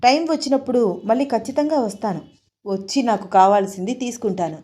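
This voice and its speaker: A woman storyteller voicing a blunt, meddling older woman who speaks loudly with grief and accusation. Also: on the high side, fairly quick, close to an everyday voice. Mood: aggrieved. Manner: accusing, loud and tearful.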